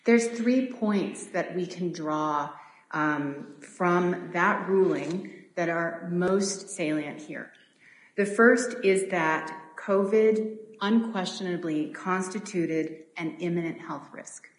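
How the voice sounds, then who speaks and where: A woman attorney giving a formal appellate oral argument, measured and polite with occasional fillers. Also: on the low side, roomy sound, rough recording. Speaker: attorney arguing for a city.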